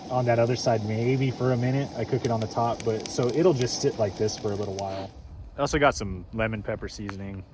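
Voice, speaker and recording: A man chatting casually to the camera as a camping vlogger, informally talking through what he is doing outdoors. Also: mid-range voice. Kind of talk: casual chat to camera while cooking and camping. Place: outdoors at a campsite. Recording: noisy outdoor ambience.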